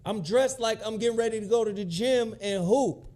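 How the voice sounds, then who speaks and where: A man in his forties hosting a casual chat, telling profane, animated stories and mimicking people. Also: sits high, fairly quick. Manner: animated, profane, acts out quoted voices. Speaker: podcast host.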